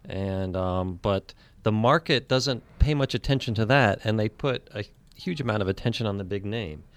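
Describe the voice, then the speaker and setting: A man co-hosting a radio show in a studio, explaining his thinking in a measured, analytical way. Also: on the low side. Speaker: radio co-host. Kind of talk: casual radio chat.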